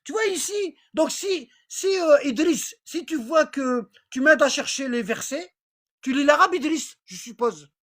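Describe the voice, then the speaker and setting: Here the religious teacher's voice sits high, animated and fairly bright, at a measured pace. Running an informal online class, they read a passage aloud and then comment on it, repeating phrases, rambling, and checking whether everyone understands.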